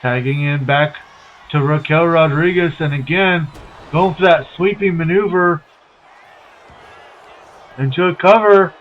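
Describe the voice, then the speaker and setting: Unhurried and pausing often, a man with a fairly high voice muses hesitantly over a wrestling video game he's streaming, using many fillers. A little hiss or hum sits under the tinny, tin-can-like mic sound.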